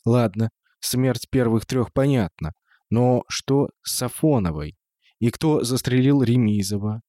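A man's voice: mid-range voice, a little slow, mellow, no echo, clean studio sound, close to an everyday voice. A man voicing a bewildered male police assistant who asks confused questions.

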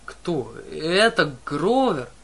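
Tough loud teen girl fighter yelling defiant, done by a man, a bit higher. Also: unhurried. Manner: shouting, defiant.

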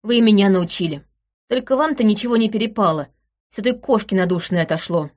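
A woman's voice: mid-range voice, quick pace, lightly acted. A woman reading an audiobook voices an agitated, stubborn young man close to tears. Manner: heated, stubborn, near tears.

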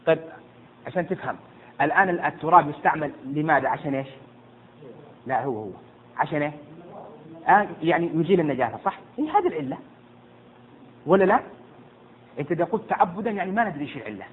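A fast, somewhat high-voiced man teaches a class, firing questions at students and often repeating words as he hunts for them. The sound is thin and phone-like, with a faint hiss behind it. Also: sing-song. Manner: quizzes and hushes students. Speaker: sheikh teaching jurisprudence. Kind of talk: interactive classroom lesson. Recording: tinny lo-fi with faint noise.

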